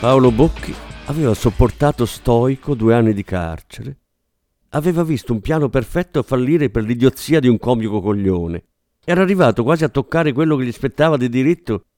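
A man reading a novel aloud as an audiobook narrator, expressive and dramatic. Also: medium pitch, a little fast, no room sound, faint music behind. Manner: expressive, dramatic, does character voices.

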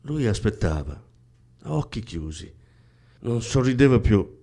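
A man reading a novel aloud in a slow, hushed, measured way. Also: fairly low pitch, very animated. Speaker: audiobook reader. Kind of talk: scripted literary narration.

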